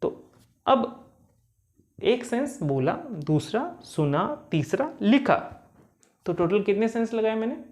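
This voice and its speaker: A male teacher giving a study-tips lesson. He asks questions and answers them himself, often checks in with "okay", and says sample lines slowly, word by word. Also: sits high, expressive, a little mellow.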